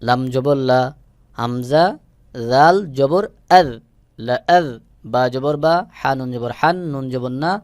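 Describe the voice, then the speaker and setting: A male Quran teacher with a smooth, resonant voice. He works through each word one letter and vowel at a time in a very slow, steady pace before putting it together. The recording is close and dry, with no room around him. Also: medium pitch, no room sound. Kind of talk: slow syllable-by-syllable recitation lesson.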